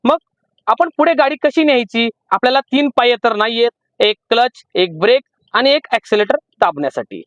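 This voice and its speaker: High-voiced Marathi driving instructor in a car. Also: male voice, animated, a bit bright, dry recording, lo-fi sound. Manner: repetitive, slow emphatic teaching. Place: inside a parked car. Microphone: camera in the car.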